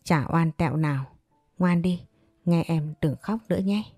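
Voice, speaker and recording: A woman voicing a loyal, protective nanny who talks in a soothing, gentle way. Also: low-pitched, normal speed, no echo, clean studio sound, faint music behind. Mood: tender.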